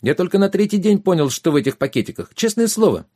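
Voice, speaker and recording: A frightened young squire boy, as a man puts him on, pleading and sniffling in a raised, thin voice. The reading is dry and close, with an eager, anxious pitch. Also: big pitch swings, quick pace, dark tone, no echo. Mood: pleading fearful. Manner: pleading, whimpering. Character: timid young runaway male squire.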